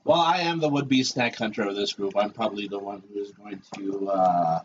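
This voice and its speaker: A man chatting casually during a board game, filling gaps with steady uh-huhs. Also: lowish voice, moderate pace, highs cut off, a little hiss or hum. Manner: chatty, drops frequent uh-huhs. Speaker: board game stream player. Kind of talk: casual chat while playing.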